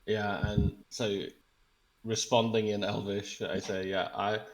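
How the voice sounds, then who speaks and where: A man playing a tabletop game, describing his character's actions in a measured way. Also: lowish voice, flat delivery, low-quality recording. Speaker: player. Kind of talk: tabletop role-play.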